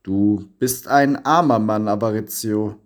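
Man playing a calm, gentle old bishop. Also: mid-range voice, unhurried.

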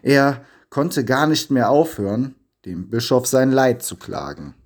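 A man reading a children's story aloud with expressive, lively storytelling. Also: medium pitch, measured pace. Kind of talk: scripted storybook narration.

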